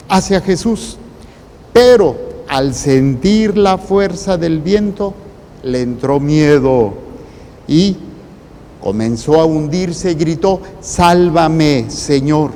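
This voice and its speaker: Male priest, Mexican accent, mellow tone, deliberate phrasing, long reverb and faint noise. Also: sits high, lively intonation. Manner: deliberate, in short broken phrases with pauses. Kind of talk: preaching a sermon.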